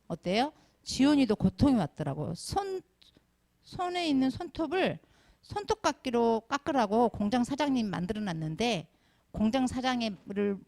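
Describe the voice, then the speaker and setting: A woman leads a children's sermon, quizzing the kids again and again as she goes. Her voice sits a little high and swings widely in pitch. A gravelly fry runs under her words. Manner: asks the children constant questions, animated. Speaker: Sunday school preacher.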